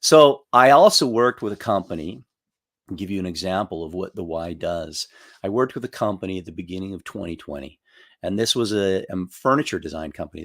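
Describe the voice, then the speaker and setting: Middle-aged man, motivational speaker, fairly low voice, dry close sound, casual storytelling. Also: fairly bright tone, dry recording. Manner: storytelling, acts out quoted voices with jumps in pitch; loose, chatty with fillers and restarts. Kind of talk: conversational keynote talk.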